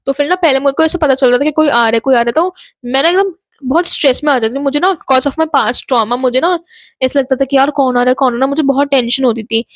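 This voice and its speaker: Young woman vlogger, high-pitched, chatty story-time rambler, dry close sound. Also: fast talker, no echo. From Ghaziabad, North India. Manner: chatty, rambling, mixes Hindi and English.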